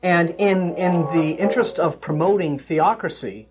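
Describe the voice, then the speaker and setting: A man with a slightly high voice speaks as a talk show co-host. He talks casually and argues his opinions in a conversational manner, in a TV studio. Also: moderate pace, a crowd in the background. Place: small TV studio.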